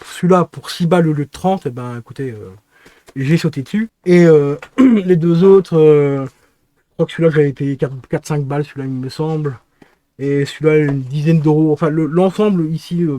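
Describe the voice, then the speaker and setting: A man hosting his own channel, chatting casually about a DVD collection, hesitant, with many fillers and self-corrections and relaxed slangy talk. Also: on the high side, moderate pace, no echo. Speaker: film collector and channel host.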